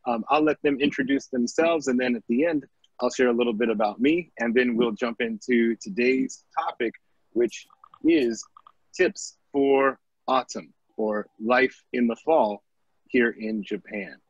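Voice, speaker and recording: A man's voice: medium pitch, a little slow, breathy edge, no echo. A man from the United States moderating a casual online panel discussion and steering the conversation. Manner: friendly, steering the talk. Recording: dry, dull online call audio.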